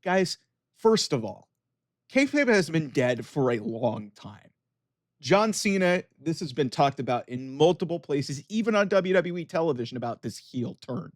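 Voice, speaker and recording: A man with a fairly high-set voice delivers casual, opinionated commentary. He is emphatic and argumentative, speaking straight to his audience as a channel host would. The sound is dry, with no room echo. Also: big pitch swings, normal speed. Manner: emphatic, argumentative, addressing viewers directly. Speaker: wrestling commentator with an online channel.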